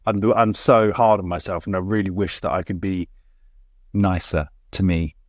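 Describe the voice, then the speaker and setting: A man co-hosts a casual podcast chat in a low voice. He speaks candidly and thoughtfully, often restarting his sentences. The recording is dry and close. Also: fairly even intonation, moderate pace, no echo. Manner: candid, reflective, with hesitant restarts. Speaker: podcast co-host.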